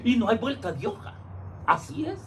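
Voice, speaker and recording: A male pastor preaches in a very high voice, retelling a Bible story with bursts of shouting for the characters' lines. He often turns to his listeners as brother. Faint noise hangs under the recording. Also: wildly swooping pitch, moderate pace. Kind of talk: sermon.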